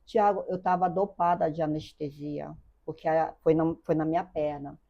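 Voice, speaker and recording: A woman's voice: low voice, steady tone, normal speed, mellow. An older woman with a Brazilian Portuguese accent, a guest telling a personal story earnestly, repeating phrases and addressing the host by name. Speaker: interview guest. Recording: dull lo-fi sound.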